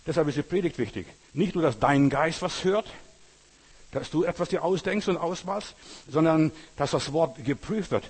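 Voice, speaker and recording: A man's voice: a little high, moderate pace, darkish tone, husky, in a large hall. A man preaching a sermon, emphatic and repetitive, often addressing the listener directly.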